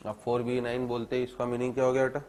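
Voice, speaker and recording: A man teaching chemistry to a class, dictating notes slowly and checking in with students. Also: mid-range voice, monotone, darkish tone. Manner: repeats phrases slowly for dictation, keeps asking "theek hai na"; calls students "beta", explains step by step.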